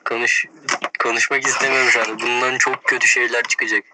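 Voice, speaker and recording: A man's voice: mid-range voice, level tone, fairly quick. A man bantering casually on a live stream from inside a car. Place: inside a parked car at night. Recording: very noisy, distant phone live-stream audio.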